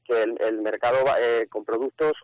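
A man, a village mayor interviewed on the radio, speaking haltingly with many restarts and repeated words. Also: mid-range voice, steady tone, no room sound, rough recording.

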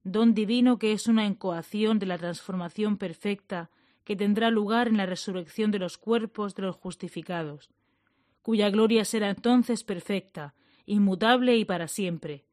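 A woman's voice: mid-range voice, normal speed, darkish tone, dry recording, clean studio sound. Woman solemnly reading religious text. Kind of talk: liturgical reading.

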